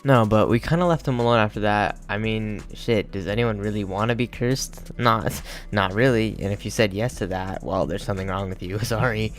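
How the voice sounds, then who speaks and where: A young man with a fairly low voice tells a story in a loose, rambling way. He is crude and joking and fills his talk with "like" and "uh." Faint music plays underneath. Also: normal speed, few pauses. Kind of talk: casual storytelling.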